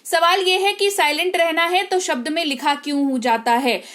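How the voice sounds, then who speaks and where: A woman's voice: very high voice, fairly even intonation, moderate pace, a bit bright. A woman teacher giving an online English spelling lesson, patiently explaining rules and repeating key words.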